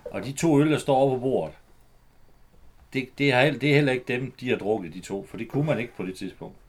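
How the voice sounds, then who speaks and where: A man's voice: mid-range voice, husky. A man chatting casually about an old film, explaining background details at length.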